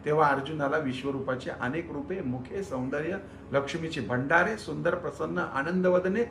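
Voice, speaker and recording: A male storyteller narrates a scripture tale with expressive, vivid delivery and turns often to address his viewers. His voice sits high for a man. The room is echoey, with a faint ambient hum underneath. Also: normal speed. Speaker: spiritual storyteller and show host.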